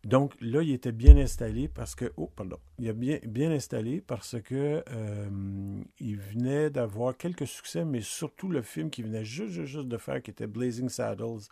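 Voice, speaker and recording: Gravelly, mellow-voiced Quebec man. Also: medium pitch, normal speed, hardly any pauses, dry recording. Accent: Quebec French. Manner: hesitant, many restarts and fillers. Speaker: podcast co-host. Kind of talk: casual film discussion.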